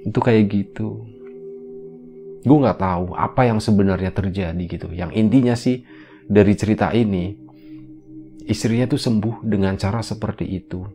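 A man's voice: fairly low pitch, moderate pace, pauses often, warm tone, soft background music. A man hosting a horror podcast, telling a story in casual slang full of fillers.

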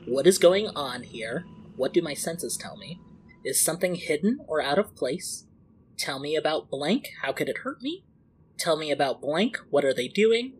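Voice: mid-range voice, big pitch swings, moderate pace, low-quality recording. A game master narrating a tabletop role-playing game and putting questions to the players. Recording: faint background noise.

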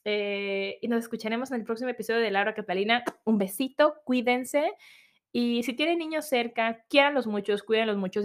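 A young adult woman hosting her own podcast, talking casually and reflectively and often tagging her points with rhetorical questions. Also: a little high. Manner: chatty, tags remarks with rhetorical questions. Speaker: podcast host.

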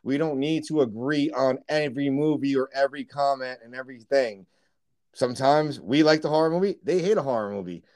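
A man co-hosting a horror podcast in loose, joking chat. His voice sits at an everyday middle pitch, and he teases his co-host and laughs a lot. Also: fairly quick, darkish tone. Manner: joking, teasing, laughs often.

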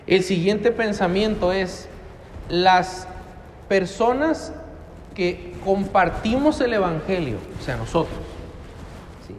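High-voiced Mexican preacher, church reverb. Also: male voice, animated, takes it slowly, pauses often, a little hiss or hum. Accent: Mexican Spanish. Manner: emphatic preaching with rhetorical questions. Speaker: pastor. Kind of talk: sermon. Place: church hall. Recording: long church hall reverb.

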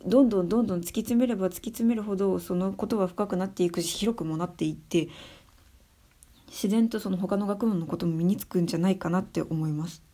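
A young adult woman giving her views in a casual spoken monologue, soft and thinking aloud with many fillers. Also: medium pitch, fast talker. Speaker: speaker sharing views on education.

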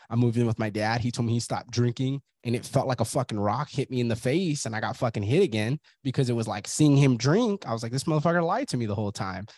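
A man's voice: medium pitch, a little mellow, no room sound. A young man hosting a podcast, telling stories in casual chat and swearing often. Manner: profane, storytelling, swears often. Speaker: podcast host.

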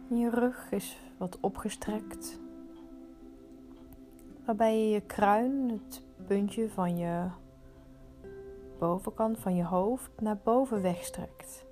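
A woman leading a guided meditation, giving soothing, unhurried instructions with pauses. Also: medium pitch, steady tone, mellow, faint music behind.

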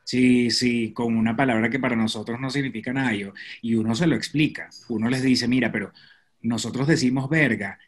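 A man's voice: mid-range voice, fairly even intonation, fairly quick, few pauses. Easygoing man chatting on a video call. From Venezuela. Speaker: pastor and actor, podcast guest. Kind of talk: casual podcast chat.

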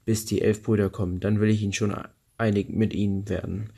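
A man voicing a kind youngest brother, a gentle boy in a fairy tale he reads aloud, in a plain, even storytelling tone. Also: lowish voice, brisk, creaky, slightly rough. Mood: earnest.

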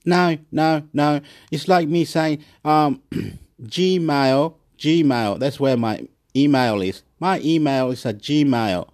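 A man from Chile rants to his camera, repeating himself and swearing as he works himself up. His voice sits a little high for a man. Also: slow pace, a little mellow. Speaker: YouTube vlogger. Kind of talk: rambling angry rant.

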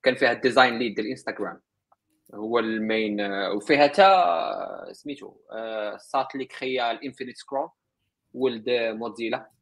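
A man's voice: medium pitch, quick pace. A man with a Moroccan accent talking casually and giving recommendations, switching often between Arabic and English. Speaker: panel participant sharing recommendations. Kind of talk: casual talk recommending resources.

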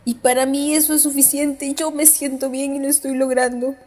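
A woman's voice: high voice, flat delivery, normal speed, darkish tone. A woman podcast host, crying as she speaks, giving a heartfelt motivational monologue with repeated self-affirming phrases. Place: on the way home.

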